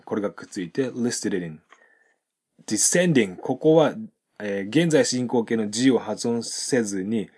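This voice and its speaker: A man who speaks Japanese as his first language teaches English pronunciation in Japanese, calmly and step by step, and slows down for his model phrases. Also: mid-range voice, slightly rough. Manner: calm, methodical, with slowed model phrases.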